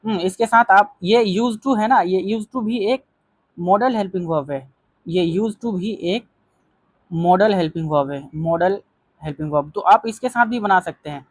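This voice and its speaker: Calling the viewers friends, a teacher walks through a grammar lesson at medium pitch with no echo. They repeat key phrases and slowly read example sentences aloud.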